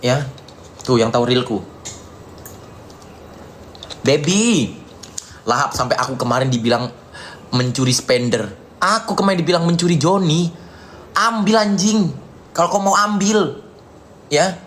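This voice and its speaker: A man from Indonesia in a live stream rant, angrily insulting someone in a repetitive, taunting tirade while answering viewer comments, filling pauses with "ya". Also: fairly high pitch, a bit bright, slight background noise. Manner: repetitive, peppered with "ya".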